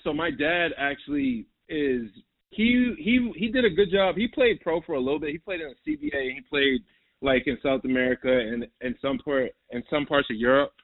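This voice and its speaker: On a dry, tinny phone-like line, a young New York man appears as a basketball guest in a casual interview. His voice is on the high side with lively intonation at normal speed, no echo, and he rambles and repeats himself, saying "like" and "bro" a lot.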